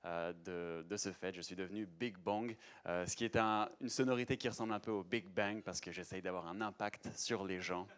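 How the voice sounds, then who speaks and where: A man's voice: low-pitched, moderate pace, a bit bright. A young man giving a live presentation to an audience in a lecture room, chatty, with many hesitations and restarts. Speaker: conference speaker.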